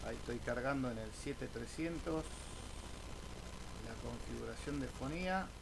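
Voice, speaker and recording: At medium pitch and moderate pace, an amateur radio YouTuber from Argentina walks through an informal screen-share tutorial. He often tacks a questioning "eh?" onto his phrases, and the recording has clear background noise.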